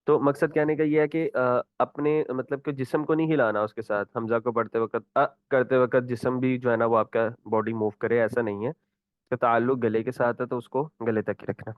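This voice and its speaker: A man with a Pakistani Urdu accent teaches Quran recitation online, explaining patiently, asking and repeating questions, and reciting example words slowly. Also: mid-range voice, steady tone, no room sound. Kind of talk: online tajweed lesson. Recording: tinny phone-like line.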